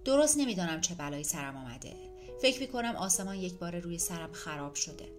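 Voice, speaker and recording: A woman giving voice to a young man in a suit, freshly fired and bitter, speaking wearily. The voice sits low, with soft instrumental music behind. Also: sing-song. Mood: weary. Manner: weary and bitter.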